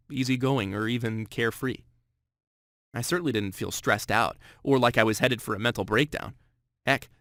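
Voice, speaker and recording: A man's voice: medium pitch, a bit bright, dry recording, clean studio sound. A man in his thirties telling a scripted first-person story with earnest, dramatic emphasis. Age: 30s. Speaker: sales narrator.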